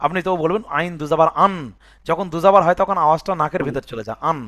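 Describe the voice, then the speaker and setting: A man gives a Quran reading lesson, rapidly spelling words out letter by letter and breaking them into letters and vowel marks. His voice is a little high with a fairly bright tone, and he asks "বুঝে আসছে?" to make sure the student follows. The recording has no room sound.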